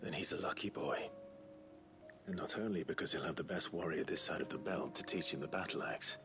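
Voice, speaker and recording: An actor playing a gruff but kindly warrior in a video game cutscene, hushed and unhurried, with a gravelly, breathy voice over music. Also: male voice, low-pitched. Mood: wry, soft. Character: gruff but kindly male warrior, dry-humoured, earnest. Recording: music behind the voice.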